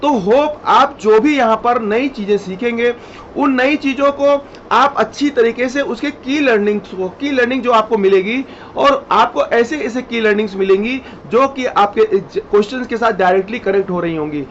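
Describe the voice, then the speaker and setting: A man's voice: extremely high pitch, normal speed. A man teaching chemistry in a classroom-style lecture, repeating each rule step by step and addressing students directly. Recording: dull lo-fi sound, faint noise.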